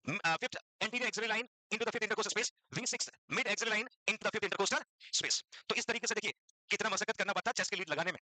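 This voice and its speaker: A man's voice: sits high, bright, forceful tone, no room sound, poor audio. A man teaching a classroom lecture for nursing exam students, mixing English terms into his Hindi, repeating key points and quizzing the class.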